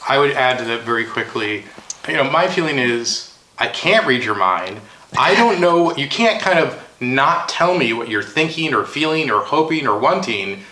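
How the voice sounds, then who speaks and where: A man's voice: medium pitch, animated, normal speed, sharp tone. A middle-aged American man chatting casually about relationships, thoughtful and a bit hesitant, with frequent fillers. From United States. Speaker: co-host. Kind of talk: casual advice chat. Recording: roomy echo.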